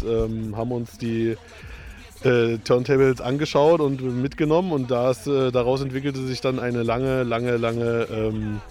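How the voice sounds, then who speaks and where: A man of medium pitch hosts a radio show, chatting loosely with a guest. He rambles, hesitates and restarts often. Faint music plays behind him outdoors by a lake. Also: a little mellow. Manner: rambling, many hesitations and ums. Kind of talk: casual interview.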